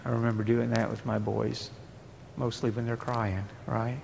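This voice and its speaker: Gravelly-voiced male preacher in a reverberant hall. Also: mid-range voice, level tone, moderate pace. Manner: shifts from hushed, tender speech to rising, forceful preaching. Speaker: pastor. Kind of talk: sermon. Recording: long hall reverb with faint noise.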